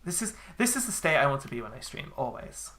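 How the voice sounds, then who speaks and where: A woman streaming a game, chatting casually with a friend, swearing freely and filling pauses with ums. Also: low-pitched, sing-song, fairly bright tone, slight background noise. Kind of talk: casual chat while gaming.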